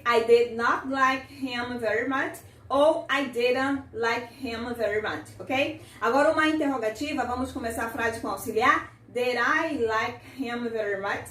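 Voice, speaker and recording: A woman teaching an English grammar lesson, saying example sentences slowly and carefully and repeating them for the learner. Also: a little high, a bit bright, echoey room, distant mic.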